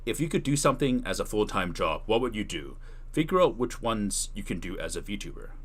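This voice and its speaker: A man's voice: on the low side, very animated, fairly quick, breathy edge. A man talking casually on a livestream, answering questions as he thinks aloud and rephrases. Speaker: streamer giving tutorial and answering chat questions.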